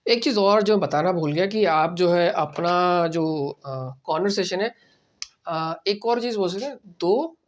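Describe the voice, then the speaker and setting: Man teaching a relaxed language lesson. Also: high voice. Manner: explains step by step, often asks "right?" and repeats phrases slowly. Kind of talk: casual spoken lesson.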